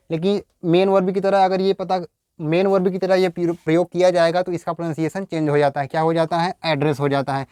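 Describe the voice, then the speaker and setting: Dry, clear-voiced male English teacher. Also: a little high, a little mellow, no echo. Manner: repeats words and asks rhetorical questions. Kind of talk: Hindi-language grammar lesson.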